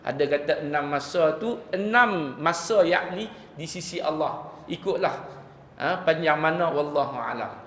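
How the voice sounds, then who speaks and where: A man's voice: fairly high pitch, normal speed. A male preacher with a Malaysian accent giving a religious lecture, asking rhetorical questions and chanting Arabic quotations. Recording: reverberant hall over loudspeakers.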